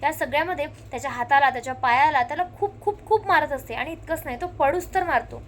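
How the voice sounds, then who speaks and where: In a high, fast voice with slight background noise, a woman narrates a lively recap of a television serial episode, quoting one character's line after another.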